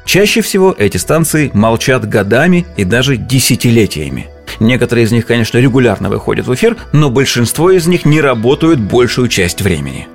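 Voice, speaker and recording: A man's voice: medium pitch, big pitch swings, a little fast, faint music behind. A man presenting an informal explainer in a conversational, explanatory manner.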